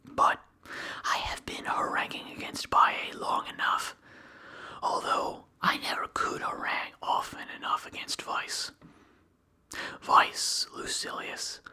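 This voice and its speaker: Someone reads a philosophical text aloud in a breathy ASMR whisper, in measured, deliberate phrases with short pauses. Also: bright, forceful tone.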